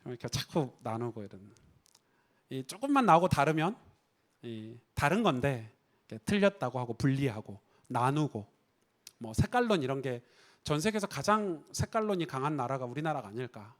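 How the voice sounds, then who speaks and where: This Sunday sermon comes from a Korean pastor whose medium-pitched voice swings widely in pitch at a moderate pace. He addresses the congregation conversationally with rhetorical questions and dramatizes quoted lines.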